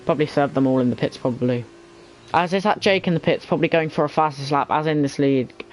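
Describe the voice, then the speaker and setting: A man giving casual lead commentary on an online racing league, sometimes halting as he thinks aloud between calls. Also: a little high, low-quality recording. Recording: faint background noise.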